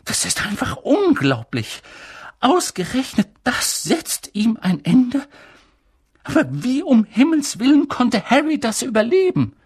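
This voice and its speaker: A reader voicing a stern older female professor, speaking high, strained and urgent in an audiobook. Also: sing-song, measured pace, slightly rough. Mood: shaken. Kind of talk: audiobook character reading.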